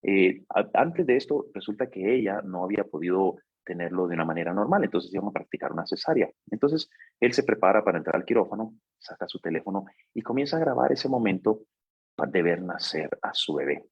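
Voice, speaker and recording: A man telling a personal story in a talk, hesitant, with fillers and repeated words, going soft at the sad parts. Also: deep voice, expressive, fairly quick, slightly rough, no room sound. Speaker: life coach. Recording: dull, dry, lo-fi recording.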